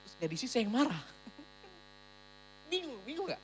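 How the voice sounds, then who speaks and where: A woman pastor giving a sermon at a church service in a lively, emphatic way, slipping English phrases into her talk. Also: high voice, a little slow, slight background noise, poor audio.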